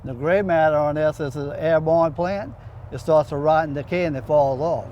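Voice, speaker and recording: A man's voice: fairly high pitch, moderate pace, lo-fi sound. A man from Louisiana with a Cajun accent, explaining things casually and instructively as a tour guide. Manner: instructive, quizzing the listener. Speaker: gator ranch owner and tour guide. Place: outdoors at a swamp ranch. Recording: noisy outdoor location, vehicle sounds.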